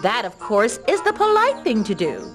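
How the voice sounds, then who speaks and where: A woman's voice: fairly high pitch, huge pitch swings, normal speed, over music. A woman playing a prim, sweet manners expert who speaks in sing-song rhymes and calls others dearie. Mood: instructive. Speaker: manners advisor host. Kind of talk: children's show character acting.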